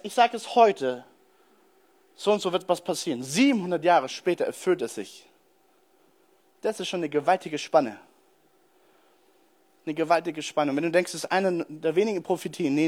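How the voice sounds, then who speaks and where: High-voiced man preaching casually. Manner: animated storytelling, addresses listeners directly. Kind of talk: conversational sermon.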